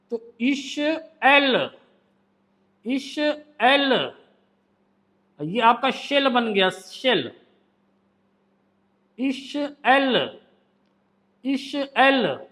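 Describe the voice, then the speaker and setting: Very high-voiced man teaching slowly. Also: a bit bright. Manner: slow, patient drilling with repeated stroke names. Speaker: shorthand teacher. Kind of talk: step-by-step shorthand lesson. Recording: long reverb in a hall.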